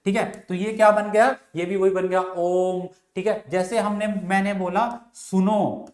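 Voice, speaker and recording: A man's voice: high voice, level tone, measured pace, darkish tone, echoey room. A man teaching a class, who asks and answers his own questions, repeats each point, and draws out vowel sounds to show them. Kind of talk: classroom lecture.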